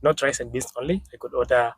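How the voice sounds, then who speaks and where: A young man from Congo, telling stories as a podcast guest in a halting, casual way, restarting phrases and dropping in Swahili words. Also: mid-range voice, slightly rough, dry recording. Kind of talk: casual interview storytelling.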